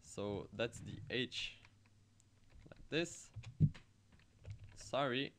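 A man's voice: medium pitch, expressive, extremely slow, fairly bright tone, a little hiss or hum. French-accented man explaining a tutorial. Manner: hesitant, many fillers and restarts. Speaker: tutorial host. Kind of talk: screen-recorded software tutorial.

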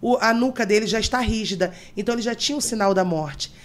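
A woman's voice: medium pitch, fast talker. A woman guest on a podcast, an embalming instructor telling work stories and explaining technical terms to listeners. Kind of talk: podcast storytelling.

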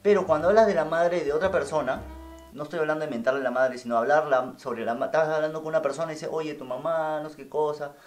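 A man who teaches Japanese in a casual online lesson. He is playful and jokey, and he repeats words slowly to drill them. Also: fairly high pitch, faint music behind.

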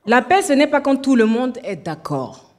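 A woman from Cameroon giving a playful, theatrical speech to a minister on a TV show, stressing her words slowly. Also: high voice, big pitch swings. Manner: playful, theatrical, slow emphatic delivery.

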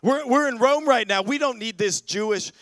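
A man's voice: very high voice, normal speed, a bit bright, no echo, pitched above the performer's own voice. A man voicing an angry male mob leader who stirs up a crowd with indignant taunts.

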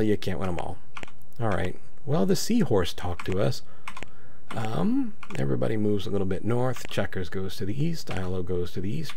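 A man's voice: lowish voice, vocal fry, darkish tone, a little hiss or hum. A man hosting a let's play, reading the on-screen dialogue aloud and adding dry comments.

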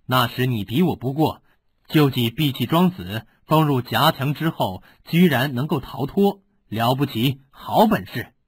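A man's voice: medium pitch, lively intonation, unhurried, slightly rough, no room sound. A man voicing a scheming, cruel older swordsman who gloats over a captured rival. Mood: gloating. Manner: sneering, gloating.

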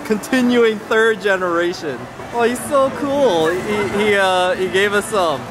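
A man in his thirties hosts a casual travel vlog, holding the camera at arm's length as he walks through an indoor market. His voice sits fairly high and he rambles excitedly, full of fillers and restarts. Music plays clearly behind him. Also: a little slow, poor audio. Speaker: travel vlogger host. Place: busy indoor food market in a mall. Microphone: handheld camera at arm's length.

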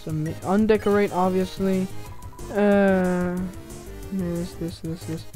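A woman hosting a casual let's-play, reading the game's text aloud between quick reactions. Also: fairly low pitch, steady tone, dark tone, soft background music. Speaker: gaming channel host.

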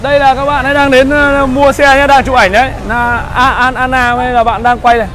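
High-voiced northern Vietnamese man hawking on the street. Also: level tone, a little fast, a faint crowd. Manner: repetitive hawker-like patter, calling out. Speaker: used motorbike dealer, livestream host. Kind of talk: live street sales pitch with banter. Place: busy street outside a motorbike shop. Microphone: clip-on lapel mic. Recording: loud street traffic noise.

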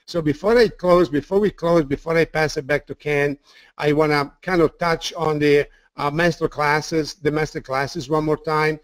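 A man's voice: on the high side, fairly even intonation, moderate pace, no echo. A man with an Italian accent giving an enthusiastic sales webinar presentation, often repeating words and using fillers.

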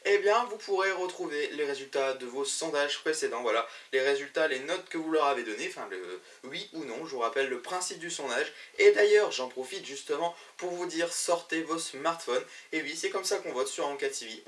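A fairly high-pitched man hosts a gaming news show, talking to camera in a loose, chatty way. He fills his sentences with hesitations and restarts. His voice sits a little back from the mic in an indoor studio. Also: a bit bright, far from the mic. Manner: chatty, many fillers and restarts. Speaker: web show host.

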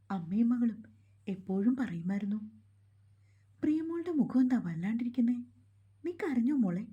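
Female storyteller, steady calm reading, mellow and husky tone. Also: medium pitch, dull audio. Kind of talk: scripted narration of a romance novel.

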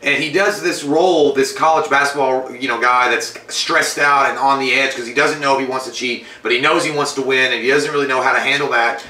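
A man in his thirties chats casually as a review co-host, swearing freely. His voice is bright and forceful, caught a little far from the microphone in a roomy space. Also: medium pitch, steady tone, a little fast, hardly any pauses. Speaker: movie and food review co-host. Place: room at home, indoors. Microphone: shared tabletop microphone. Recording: roomy, distant microphone sound.

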